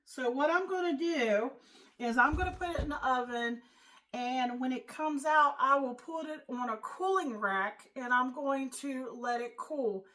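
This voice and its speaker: Woman, middle-aged, home cooking host, fairly high voice, chatty, filler-heavy. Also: measured pace, pushed and bright, poor audio. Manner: chatty, homey, with many fillers. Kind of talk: casual cooking demonstration.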